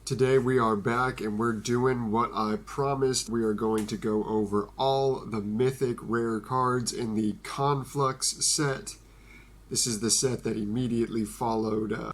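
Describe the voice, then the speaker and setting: Stuffy-nosed man reviewing cards casually. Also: mid-range voice. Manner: playful, jokey asides to an imagined listener. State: stuffy nose from allergies. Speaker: Magic card video host. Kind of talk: casual card review talk.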